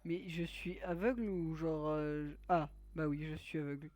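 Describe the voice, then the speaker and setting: A man's voice: a little high, fairly even intonation, a little slow, darkish tone, slight background noise. A man giving let's play commentary, joking crudely and teasing his viewers. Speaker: gaming YouTuber.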